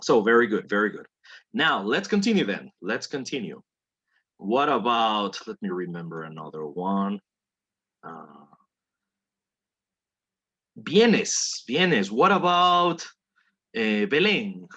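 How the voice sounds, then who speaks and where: A man's voice: fairly low pitch, sing-song, slow, long pauses, fairly bright tone, husky, dull audio. A man teaching a language class, patiently coaxing students through pronunciation drills and repeating words for them to copy. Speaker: English teacher.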